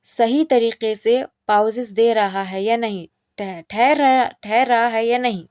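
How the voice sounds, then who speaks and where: A woman teacher educator explains a course syllabus in a lecture. Her voice sits a little high and sounds dry and close, with no room echo. She reads each English point slowly, then explains it in Hindi mixed with Urdu words. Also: darkish tone.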